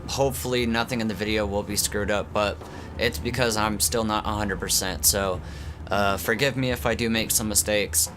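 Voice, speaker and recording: Congested low-voiced man, talking through a tube. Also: noisy background. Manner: rambling, loose, with many fillers and restarts. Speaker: gaming channel host. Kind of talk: casual gameplay commentary.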